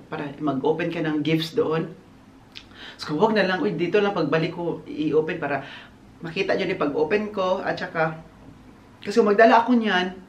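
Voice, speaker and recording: A man chatting casually in a birthday vlog, animated and laughing often, slipping English phrases into his talk. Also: high-pitched. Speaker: vlogger. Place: outdoors on a windy day. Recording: echoey, roomy sound.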